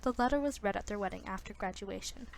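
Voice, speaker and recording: Girl reading a book out loud, lots of restarts and little asides, faint hiss. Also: mid-range voice, fast, gravelly. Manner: self-conscious chatty asides; frequent restarts. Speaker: reader. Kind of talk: casual audiobook reading.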